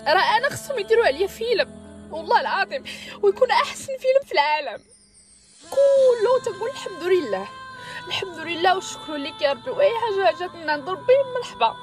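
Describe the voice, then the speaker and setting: A Moroccan woman venting emotionally to her followers, upset, exasperated and tearful, repeating phrases and stumbling over her words. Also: extremely high pitch. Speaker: social media vlogger.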